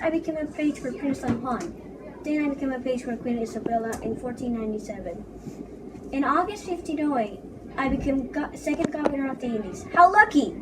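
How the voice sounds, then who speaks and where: A young colonial governor, played by a woman, recounts his career in a halting recital with fillers. The voice is high. It is recorded on a distant mic with clear background noise. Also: close to an everyday voice. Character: young male colonial governor, son of an explorer. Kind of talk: first-person history presentation.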